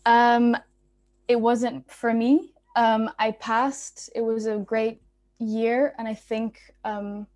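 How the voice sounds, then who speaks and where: A young woman from Belgium talks through a student presentation over a video call. Her voice sits a little high and her delivery is chatty and informal, full of ums and small restarts. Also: little pitch movement, slow pace, a little mellow. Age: young adult. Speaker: student speaker.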